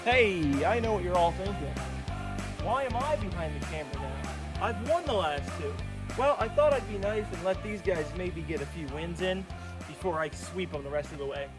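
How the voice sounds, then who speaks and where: Excitable high-voiced man hosting. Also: moderate pace, over music. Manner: excitable, teasing. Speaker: host. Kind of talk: joking casual commentary.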